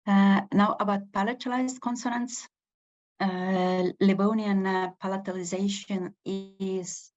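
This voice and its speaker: A woman's voice: mid-range voice, fairly even intonation, unhurried, a little mellow, muffled recording. A woman with an Estonian accent, a native Estonian speaker, giving an unscripted language lecture, hesitant, with many fillers and restarts. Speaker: language teacher.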